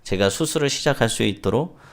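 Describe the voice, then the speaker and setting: A man voicing a patient, polite male doctor who speaks softly and soothingly. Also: mid-range voice, animated, fast talker, close to an everyday voice. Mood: calm polite. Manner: soft and soothing.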